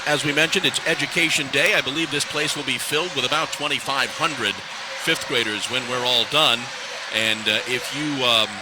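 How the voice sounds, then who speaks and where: Easygoing male game announcer. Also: a little high. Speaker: play-by-play announcer. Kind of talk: sports broadcast intro. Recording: noisy arena ambience.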